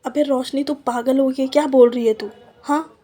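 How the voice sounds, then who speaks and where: Woman reading as a breezy, dismissive young woman in a storytime, higher voice, husky edge. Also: fairly even intonation, normal speed, warm tone. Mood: breezy, defensive.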